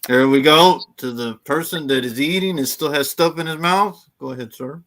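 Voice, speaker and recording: Bright-voiced teasing man hosting. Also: fairly high pitch, moderate pace. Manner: teasing, mock-indignant. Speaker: show host. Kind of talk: casual livestream banter.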